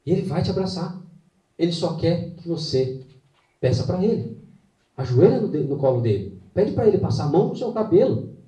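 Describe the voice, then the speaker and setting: Casting: earnest male faith speaker, mellow tone, echoey hall, mic at a distance. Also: on the high side, lively intonation. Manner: earnest storytelling with dramatic pauses. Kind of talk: live inspirational talk. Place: hall with an audience.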